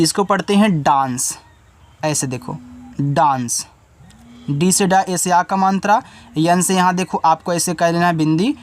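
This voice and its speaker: A man teaching an English spelling lesson, patiently spelling each word out letter by letter and repeating each meaning twice. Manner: spells words out letter by letter slowly, then says the word lower and quieter.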